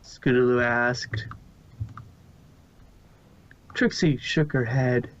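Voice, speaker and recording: In a dull, lo-fi home recording, a narrator with a medium-pitched, steady voice reads a fan story aloud very slowly. The amateur fanfic reading is plain, with frequent stumbles and restarted words.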